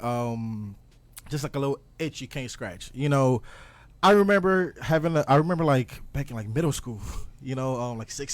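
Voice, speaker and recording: A young man from Ghana, a guest, talking earnestly and reflectively in a casual interview, with plenty of ums and restarts. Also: mid-range voice. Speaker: guest music producer.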